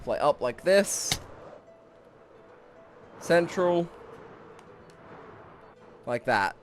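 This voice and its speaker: A man's voice: on the high side, fairly bright tone. A young man giving casual live commentary on his gameplay, rambling and swearing, a bit out of breath. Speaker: streamer.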